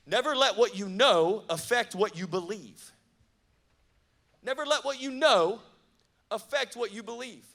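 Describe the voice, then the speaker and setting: A man preaching at a youth camp, lively and conversational with asides to the crowd. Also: high voice. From not from the American South. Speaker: youth pastor. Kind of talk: sermon.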